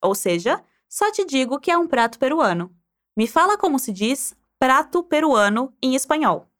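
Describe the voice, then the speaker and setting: A woman's voice: high-pitched, big pitch swings, normal speed, fairly bright tone. A woman teaching Spanish, guiding the listener through pronunciation drills and prompting them to repeat aloud.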